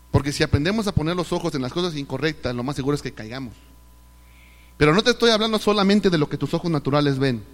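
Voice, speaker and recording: Animated Mexican pastor preaching in a reverberant hall. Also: male voice, fairly high pitch. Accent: Mexican Spanish. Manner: animated preaching, rhetorical questions, acting out quoted voices. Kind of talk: sermon. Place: church service hall. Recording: live recording with long hall reverb.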